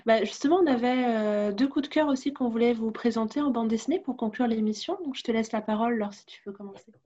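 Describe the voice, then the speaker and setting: A woman's voice: a little high, fast talker, dark tone, dull audio. A woman with a French accent hosting a podcast and chatting casually about books. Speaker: podcast host. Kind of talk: casual book discussion.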